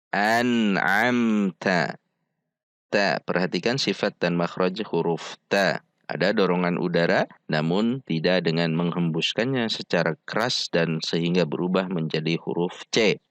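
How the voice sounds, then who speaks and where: A man teaching Quran recitation, patiently repeating syllables slowly for practice. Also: deep voice, no room sound. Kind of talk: slow step-by-step pronunciation lesson.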